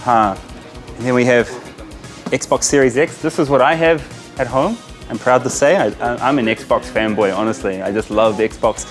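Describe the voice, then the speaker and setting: A man's voice: medium pitch, normal speed, soft background music. An enthusiastic, chatty man from New Zealand vlogging casually on location, mixing in Urdu greetings and interjections. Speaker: vlogger, host. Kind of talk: casual on-location vlog commentary. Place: inside small game shops in a Pakistani market.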